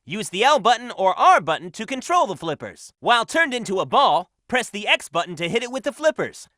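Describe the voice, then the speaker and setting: A man voicing a cocky, upbeat young hedgehog hero in a video game, brash, energetic and confident. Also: sits high, brisk, no room sound, studio quality, heavily acted. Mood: explaining.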